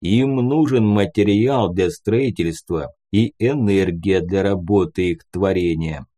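A gruff older commander with a deep, dark, unhurried voice, put on by a male narrator. He talks in a slow, folksy way, like a seasoned field leader in an audiobook. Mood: explaining.

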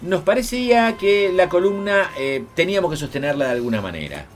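Co-host: man, higher pitched, animated, hesitant joking tone. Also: a little fast. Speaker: radio co-host. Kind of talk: casual radio chat.

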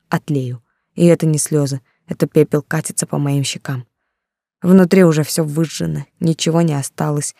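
An audiobook narrator reading a dark first-person story with intense emotion. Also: mid-range voice, creaky, dry recording, clean studio sound.

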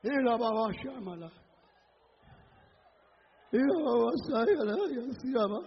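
High-voiced man preaching fervently. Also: slow, slightly rough. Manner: fervent, shouting, speaking in tongues. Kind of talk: shouted revival preaching. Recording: dull recording in a reverberant hall with a crowd.

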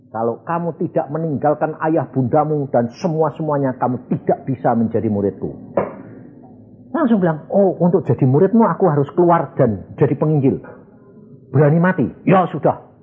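Male pastor, animated sermon storyteller, slightly raised pitch, husky tone, tinny phone-like recording. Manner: animated, acts out dialogue in voices.

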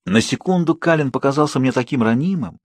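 A man reads the story aloud in a steady, measured way, his voice mid-pitched and a little husky. It is recorded close and dry, with no room echo. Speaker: audiobook narrator. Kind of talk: scripted narration.

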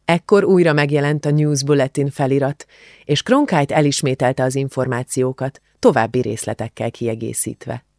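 Male audiobook narrator, mid-pitched voice, calm measured reading, dry close studio sound. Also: no echo.

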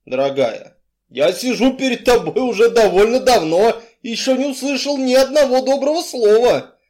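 A man's voice: very high-pitched, lively intonation, moderate pace, a little mellow, pitched above the performer's own voice. A man doing a sly blustering crime boss. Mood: mocking, blustering. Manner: mocking, blustering, evasive.

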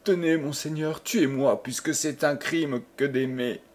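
A man's voice: mid-range voice, a little slow, darkish tone, husky. A man voicing a young noblewoman who stammers and sobs her desperate pleas. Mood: desperate pleading.

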